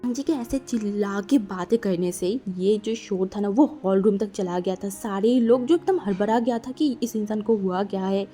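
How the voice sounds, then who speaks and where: A woman's voice: medium pitch, normal speed, hardly any pauses, dark tone, faint music behind. A woman narrating a fan-fiction story in a casual, chatty way, mixing in English words and frequent fillers.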